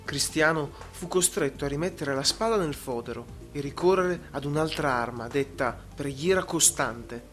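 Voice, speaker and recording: A man narrating a story in a steady, measured way. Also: a little high. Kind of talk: scripted narration. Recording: music playing behind.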